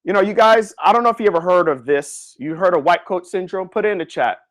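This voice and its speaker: A man who is a physical therapist, giving a live online lecture in a slangy, animated way, talking straight to his listeners. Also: high-pitched, fast talker. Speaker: physical therapist coaching students.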